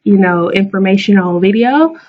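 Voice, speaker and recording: A woman's voice: medium pitch, expressive, moderate pace. A woman video blogger giving her opinions casually, in an informal, digressive way, often correcting herself. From Jamaica. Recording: dull lo-fi microphone sound.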